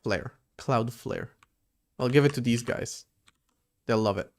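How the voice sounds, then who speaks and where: Unhurried and medium-pitched with a darkish tone, a man chats casually on a livestream while coding. He thinks out loud in a loose, meandering way and responds to his chat as he works.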